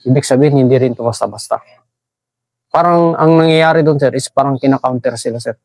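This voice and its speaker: A man from Basilan, an army sergeant, answering interview questions deferentially and haltingly, tacking "sir" onto nearly every phrase. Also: mid-range voice, a little mellow, dry recording. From Basilan, Philippines.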